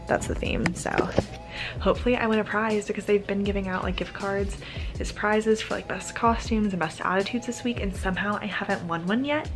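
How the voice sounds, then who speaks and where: An American woman in her early twenties chatting casually to her vlog camera in a bubbly sorority-girl way, peppering her talk with "like" and "literally.". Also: mid-range voice. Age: early 20s. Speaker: vlogger, college sorority member. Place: small bedroom, indoors. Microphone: camera at arm's length.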